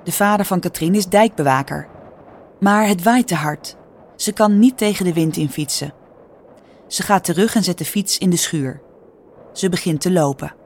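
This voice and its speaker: Woman, Dutch accent, lowish voice, calm clear storybook narration. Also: normal speed.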